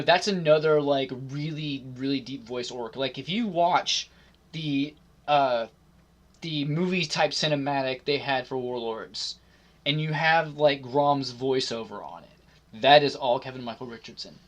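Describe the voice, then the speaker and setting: A man co-hosting a casual gaming podcast, talking loosely with lots of filler words and frequent throat clearing. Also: on the high side, measured pace, a bit bright. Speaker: podcast co-host.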